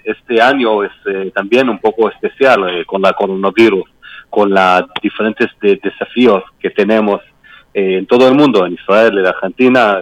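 A man gives interview answers at a very slow pace, hunting for each word as a non-native speaker with a foreign accent. His voice is on the low side, and the sound is dry and band-limited, like radio. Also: no echo, highs cut off. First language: not a native Spanish speaker. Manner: halting, searching for words. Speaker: embassy political adviser being interviewed.

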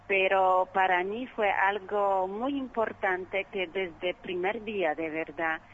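A woman from Poland with a Polish accent, a non-native speaker in a radio interview, haltingly searching for words. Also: medium pitch. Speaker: ambassador being interviewed. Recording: dull, noisy phone call.

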